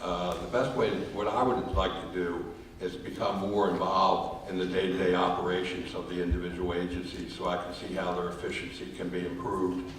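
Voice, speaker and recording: Very deep-voiced man in a hall. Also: little pitch movement, slight background noise. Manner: halting, many uhs. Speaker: council candidate. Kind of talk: candidate forum answers. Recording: echoey hall, distant mic.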